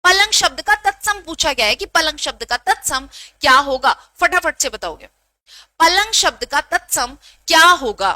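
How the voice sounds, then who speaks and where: A young woman teaching a live online Hindi exam-prep class, brisk and teasingly scolding, repeating each question to her students. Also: high voice, lively intonation, sharp tone, no room sound.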